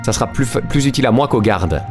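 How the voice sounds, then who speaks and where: Lively joking male game streamer. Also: medium pitch, quick pace. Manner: chatty, joking with chat, laughs often. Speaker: streamer playing a video game. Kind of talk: casual live-stream commentary. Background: game music.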